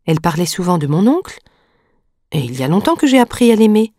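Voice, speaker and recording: A woman's voice: lowish voice, very animated, fast talker, dark tone, dry recording, clean studio sound. A woman reading aloud voices a sickly, frightened young boy who pleads and resists in plaintive questions.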